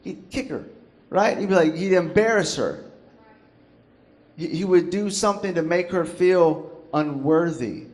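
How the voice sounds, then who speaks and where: A male pastor delivers a sermon in a church, with a chatty, animated delivery full of jokes and little acted-out quotes. His voice sits a bit high for a man. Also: a little slow. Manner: animated, conversational and joking, acts out quotes.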